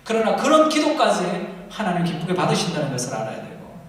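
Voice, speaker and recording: High-voiced preacher in an echoey hall. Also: male voice, huge pitch swings, a little fast, distant mic. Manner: impassioned, acts out quoted prayers loudly. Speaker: pastor. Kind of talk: sermon. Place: church sanctuary.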